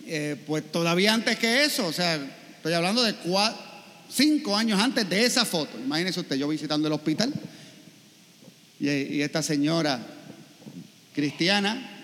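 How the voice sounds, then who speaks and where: A man preaches in a high voice, telling stories and acting out what people say to him. His sermon rings with the long reverb of a church. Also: a bit bright. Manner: storytelling with acted quotes and rhetorical questions. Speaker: priest.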